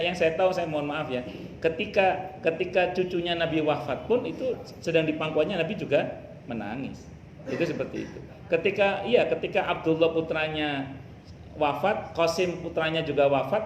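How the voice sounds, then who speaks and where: Preacher answering questions. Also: male voice, on the high side, moderate pace, a little hiss or hum. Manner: lively, rhetorical questions answered himself. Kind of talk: religious Q&A talk. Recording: echoey room.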